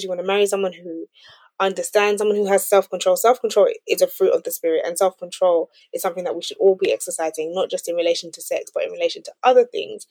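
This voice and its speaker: A woman with a fairly low voice, co-hosting a podcast. She gives casual advice in a measured, earnest way, recorded dry with little room sound. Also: no room sound. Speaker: podcast co-host. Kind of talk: casual advice-giving chat.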